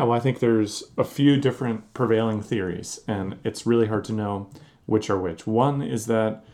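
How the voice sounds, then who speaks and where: A man co-hosting a sports podcast, explaining his views in a measured, dry way. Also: fairly low pitch, a little mellow. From New Jersey. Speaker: podcast co-host. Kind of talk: casual sports podcast chat.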